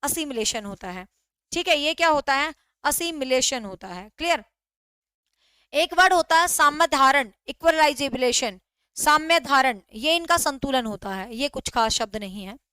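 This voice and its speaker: A woman's voice: high voice, animated, moderate pace, pushed and bright, no echo. A woman teacher giving an online class lecture, often asking questions and answering them herself, and mixing English words into her teaching. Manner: repetitive quizzing, mixes in English words.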